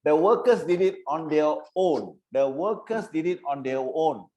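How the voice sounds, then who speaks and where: A man leads an online insurance training session with a slightly raised pitch. He repeats key phrases and keeps checking whether his listeners understand. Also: expressive, a little slow, mellow, poor audio.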